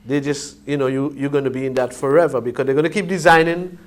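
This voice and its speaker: A man reasoning conversationally in Rasta discussion style, pausing for words and often checking that he is followed. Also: mid-range voice, fairly even intonation. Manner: hesitant phrasing, often checks with "you see".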